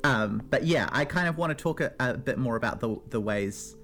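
A woman's voice: rumbling low, expressive, moderate pace, fairly bright tone, a little hiss or hum. A woman with a New Zealand accent, a regular guest on a radio segment about words, chatting casually with many fillers and restarts.

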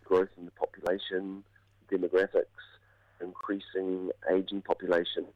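A New man with a low voice, croaky from a cold, explains politics in a radio interview. He is measured and halting, picking through his points. The audio is dry and somewhat dull. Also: monotone, no room sound. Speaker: political commentator, university academic. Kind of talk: spoken analysis in a radio interview.

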